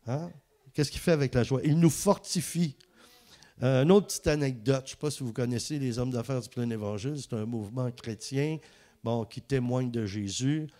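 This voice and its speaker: A male preacher with a Quebec French accent tells anecdotes in a sermon. His voice swings up and down with lively energy, and he laughs at his own jokes. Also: medium pitch. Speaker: preacher and guest speaker.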